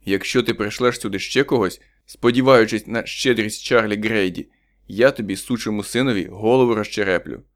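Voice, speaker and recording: A man's voice: fairly low pitch, a little fast, lightly acted. A man reading an audiobook, voicing a rude, mocking policeman with a coarse, contemptuous manner.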